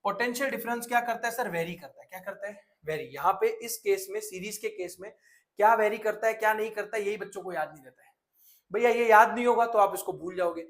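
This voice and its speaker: Guy teaching science for board exams, high-pitched voice, energetic, asks a question then answers it himself, mixes hindi and english. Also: fast talker. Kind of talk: exam-prep science lecture.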